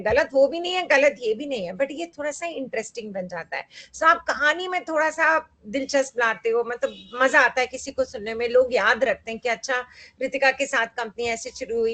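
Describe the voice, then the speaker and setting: A woman with a high, bright-toned voice leads a workshop on brand storytelling. She is middle-aged and talks in an animated, chatty way, slipping English phrases into her sentences. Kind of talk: lively workshop talk.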